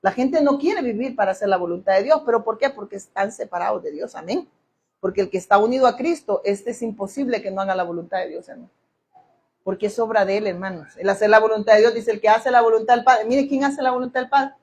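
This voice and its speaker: A woman's voice: medium pitch, fast talker, darkish tone, breathy edge. A woman preaching a sermon, emphatic, asking the congregation questions and acting out quoted voices.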